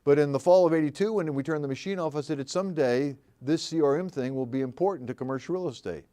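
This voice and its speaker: An older man runs a live training seminar with a slightly raised pitch. He tells folksy stories and keeps tossing questions to the audience. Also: quick pace, mellow. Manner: folksy, storytelling, asks the room questions. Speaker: commercial real estate trainer.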